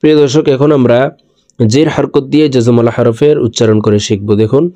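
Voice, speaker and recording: A male teacher with a mid-range voice, recorded close and dry with no room sound. He stretches each syllable slowly as he spells out letters, then rushes through the rules in between. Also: mid-range voice, warm tone, dry recording. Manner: slow, drawn-out syllable recitation between quick explanations. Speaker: Quran reading teacher.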